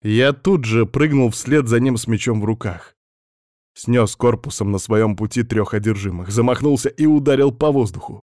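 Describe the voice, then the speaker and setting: A man's voice: mid-range voice, moderate pace, no room sound. Man narrating a story, dry and close. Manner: steady first-person storytelling. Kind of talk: scripted audiobook narration.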